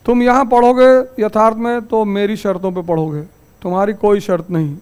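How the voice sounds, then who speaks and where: A male teacher, lecturing a class in a lively storytelling manner and turning stern about the class rules. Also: high-pitched, moderate pace, clean tone.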